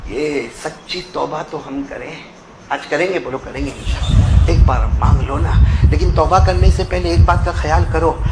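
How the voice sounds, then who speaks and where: A male preacher tells a moral story to a gathering in a high, bright voice. He preaches with passion, often climbing into loud shouting, and keeps urging his listeners to answer back. Faint noise sits under the recording. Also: roomy sound. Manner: calls on the crowd to answer back. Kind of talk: sermon storytelling.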